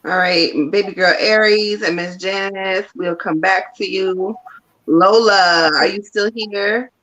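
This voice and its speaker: A woman's voice: medium pitch, steady tone, slow pace, fairly bright tone. A woman co-hosting a live reading stream, playful, slangy and swearing as she calls out viewers. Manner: playful, swears, calls people baby girl. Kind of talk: casual live-stream chat.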